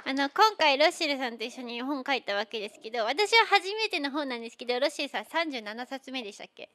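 Fast, bright-voiced chatty woman. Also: sits high, expressive. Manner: chatty, acts out quoted exchanges. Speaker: co-author and presenter. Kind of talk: lively event talk.

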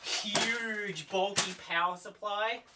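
A woman in raging gamer mode, complaining in exasperation, recorded from a distance with loud clattering around her. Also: mid-range voice, takes it slowly, heavy background noise. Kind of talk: angry rant at a broken game console. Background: loud clicks and clattering.

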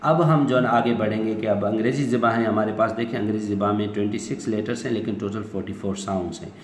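A man's voice: fairly low pitch, fairly even intonation, quick pace. A man teaching an online English class, explaining patiently, mixing in English phrases and filler words. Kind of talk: online lecture. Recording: echoey room with faint noise.

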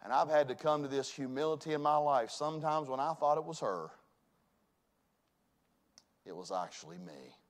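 A man, preaching a sermon in a church. He swings from loud emphasis to hushed tones. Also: on the high side, normal speed, long pauses. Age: 40s. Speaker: pastor. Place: church sanctuary.

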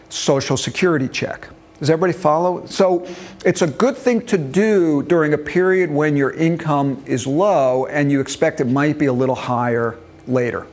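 Slightly fast and a little mellow, this man's voice runs on the high side. He's a financial planning instructor in his early sixties, giving a casual classroom talk on retirement money to a seated group in a meeting room, explaining step by step and checking understanding through a lapel mic.

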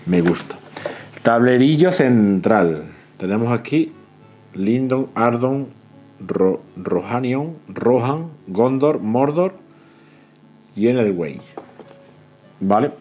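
A man, excitedly unboxing a board game in casual talk, often pleading to himself and chattering to viewers. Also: medium pitch, slow, pauses often, faint music behind. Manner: excitable, pleading and self-talking. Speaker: board game channel host. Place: indoors at a table, off camera.

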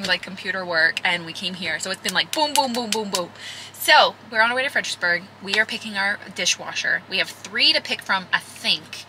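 A woman's voice: medium pitch, echoey room, rough recording. A young woman vlogging casually to a camera held at arm's length, chatty and upbeat. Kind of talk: casual vlog chat. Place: inside a car, then a showroom and a house under renovation.

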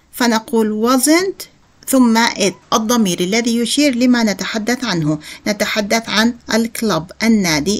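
A woman with a fairly high voice, teaching an English workbook lesson. She reads each example sentence slowly and carefully, then translates it and explains the grammar at a steady teaching pace. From Jordan.

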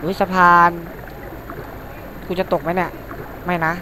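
A man's voice: high-pitched, fairly even intonation, unhurried, noisy background. Casual man doing game commentary. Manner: casual, joking asides. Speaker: gaming channel host. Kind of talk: let's play commentary and reading game dialogue.

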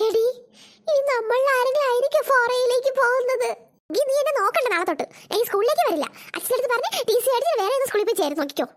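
Squeaky chattering cartoon schoolgirls. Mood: worried. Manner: rapid excited chatter, squeals and giggles. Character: chattering young schoolgirls, cheeky and gossipy. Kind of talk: cartoon voice acting.

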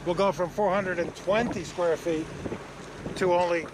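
An older man with a fairly high voice coaches a student aboard a sailboat, explaining patiently and pausing on fillers. Wind rushes clearly over the camera mic outdoors. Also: steady tone. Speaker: sailing instructor. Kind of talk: casual on-the-water instruction. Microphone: action camera mounted on the boat. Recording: windy outdoor boat recording. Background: wind noise and water.

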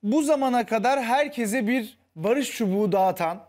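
A man with a high voice, co-hosting a studio panel show. He steers the talk by putting leading questions to the other panelists. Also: moderate pace, a loud crowd. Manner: prompting, asks leading questions. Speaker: studio co-host. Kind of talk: TV panel discussion.

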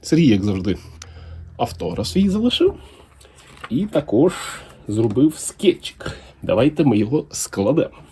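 Animated man unboxing comics. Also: medium pitch, breathy edge. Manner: enthusiastic, unhurried, lively intonation. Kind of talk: casual unboxing commentary.

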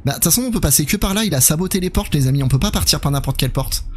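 A man's voice: a little high, lively intonation, very fast, a little mellow. A scared man with a French accent streaming a horror game live, reacting nervously as he talks to his viewers. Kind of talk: live gameplay commentary, chatting with viewers.

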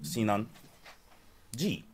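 A man's voice: fairly low pitch, big pitch swings, drawn-out words, slight background noise. A man talking casually in a panel chat.

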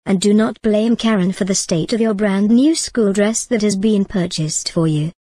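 A woman's voice: medium pitch, normal speed, mellow, breathy edge, no echo, natural voice. A woman voicing a strict older nanny who scolds in a clipped, commanding manner. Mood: reproving.

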